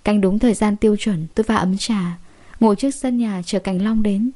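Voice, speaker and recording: A woman narrating a first-person audiobook story in a steady storytelling manner, voicing the heroine's lines too. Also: medium pitch, normal speed.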